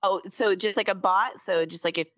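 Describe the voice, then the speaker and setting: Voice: mid-range voice, fairly even intonation, moderate pace, fairly bright tone, no echo. An event organizer in casual chat, rambling with many fillers and self-corrections.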